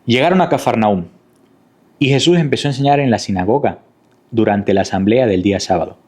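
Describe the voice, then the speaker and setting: A man's voice: lowish voice, brisk, a little mellow, breathy edge. A man preaching a sermon in a teaching manner, asking rhetorical questions and repeating key points. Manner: didactic, with rhetorical questions and repetition.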